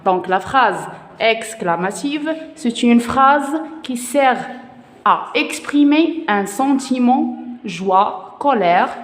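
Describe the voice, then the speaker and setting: A woman teaching a grammar lesson to children in a slow, patient way, repeating each point. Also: on the high side, lively intonation. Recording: echoey room with long reverb.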